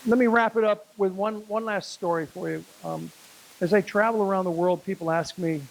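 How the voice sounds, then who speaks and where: A man giving a motivational speech and telling a story to a business audience, slowing down for emphasis. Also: high voice, steady tone, creaky, slight background noise, low-quality recording. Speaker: speaker at a business networking event. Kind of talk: motivational speech with a told joke.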